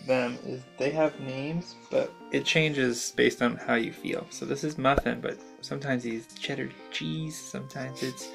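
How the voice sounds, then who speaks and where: A man's voice: medium pitch, steady tone, a little slow, creaky, hardly any pauses, over music. A man co-hosting a casual vlog with his girlfriend, joking around and slipping into baby talk with pets. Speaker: co-host, boyfriend of the host.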